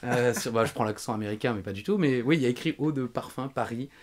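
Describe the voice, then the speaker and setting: A man's voice: medium pitch, quick pace, a little hiss or hum. Rambling man telling travel stories. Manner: rambling travel anecdotes, self-mocking. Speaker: podcast host. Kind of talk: casual podcast chat.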